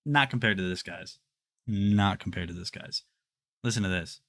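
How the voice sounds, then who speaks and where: His voice on the low side and fairly bright, a livestream host in his 20s talks at a moderate pace while walking through the rooms of his home. He rambles chattily and keeps addressing chat.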